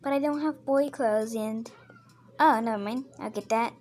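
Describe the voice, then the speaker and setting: A woman's voice: a little high, moderate pace, a little mellow. A woman playing a mother in a casual game role-play, chatting and stopping to narrate what her character does.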